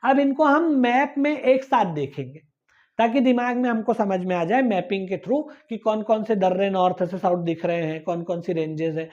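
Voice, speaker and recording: A woman's voice: medium pitch, normal speed, a little mellow. A woman teaching an exam-prep lecture, patiently repeating key points and checking in with her students. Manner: patient, repetitive, checks in with "ठीक है ना". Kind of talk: recorded lecture explaining a map. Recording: dull lo-fi recording.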